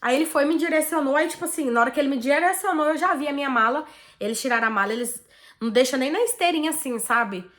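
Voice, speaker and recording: Her voice sits high and moves quickly as this Brazilian vlogger, speaking with a Brazilian Portuguese accent, animatedly recounts something personal to her audience. The casual chatter is full of "tipo assim" and "né."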